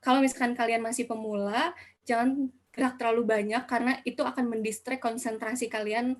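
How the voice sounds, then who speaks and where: A woman's voice: on the high side, steady tone, brisk. A young woman, teaching public speaking in a casual online workshop and mixing in English phrases. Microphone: video call.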